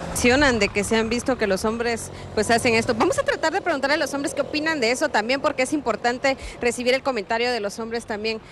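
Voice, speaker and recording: A woman's voice: a little high, a bit bright, slight background noise. A young woman reporter on a city street, interviewing passers-by with a handheld mic. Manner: brisk questioning. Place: busy city street by bus stop.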